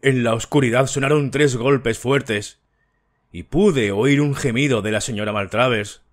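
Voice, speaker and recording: A man narrating a mystery audiobook in the first person, in a measured, even storytelling manner. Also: medium pitch.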